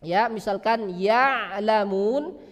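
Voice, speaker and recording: Male recitation teacher, high voice, slow and deliberate, answers his own questions, reverberant hall. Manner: asks questions and answers them himself; drawn-out sound demonstrations. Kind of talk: religious lesson on pronunciation.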